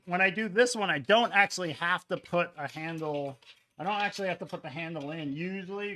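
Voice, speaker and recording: A man's voice: on the high side, fairly bright tone, slight background noise. A man demonstrating pottery in his studio on a live stream, talking in a casual, chatty way with lots of fillers and asides. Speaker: ceramics teacher.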